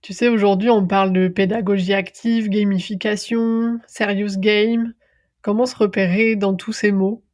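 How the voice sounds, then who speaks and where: A woman hosting a podcast interview, asking measured questions about games in training. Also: medium pitch, level tone, a little mellow.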